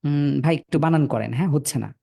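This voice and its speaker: Quran teacher guy on a video call, raspy low tone, dry sound, slow and firm. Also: warm tone, no room sound. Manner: patient but firm, spells letters slowly and repeats. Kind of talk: online class, correcting students.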